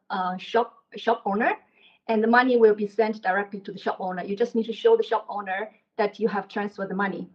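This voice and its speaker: A woman from China, a panel guest, explaining step by step with some fillers. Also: mid-range voice. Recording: dull lo-fi sound.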